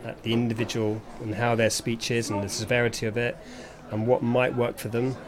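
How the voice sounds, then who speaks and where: A man working as a speech therapist, calmly explaining treatment techniques in conversation. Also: mid-range voice. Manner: measured, explanatory.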